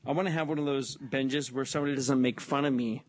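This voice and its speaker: A man's voice: mid-range voice, steady tone, quick pace, a little hiss or hum. A man bantering and teasing his friend in a casual late-night chat about movies.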